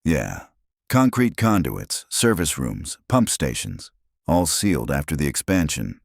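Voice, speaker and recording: A man voicing a cautious small-town sheriff who speaks politely and in a measured way. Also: a bass voice, sing-song, gravelly, dry recording, studio quality, exaggerated voice.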